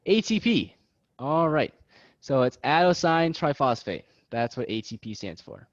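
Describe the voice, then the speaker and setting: A man's voice: medium pitch, lively intonation, moderate pace, no echo. Young man tutoring casually over video call. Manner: loose, joking, self-deprecating. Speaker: student tutor. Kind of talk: casual study-session teaching. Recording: dull lo-fi video call audio.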